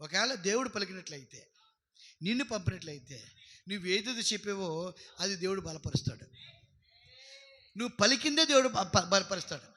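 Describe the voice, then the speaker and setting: A man with a Telugu accent preaching a church sermon as pastor. He asks the congregation questions and builds to loud, emphatic peaks. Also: sits high, expressive, normal speed, pauses often. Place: church service.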